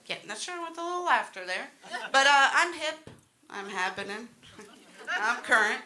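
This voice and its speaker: A middle-aged woman performs a live stand-up set, telling brash, bawdy, self-deprecating stories at a moderate pace in a fairly high, animated voice. The room is noisy, with loud crowd laughter throughout.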